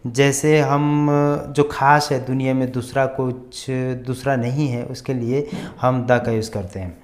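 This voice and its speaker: A man teaching a grammar lesson, spelling out and repeating each word slowly as he writes examples. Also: medium pitch, fairly even intonation. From India. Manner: repeats words slowly while writing examples. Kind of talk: slow classroom grammar lesson.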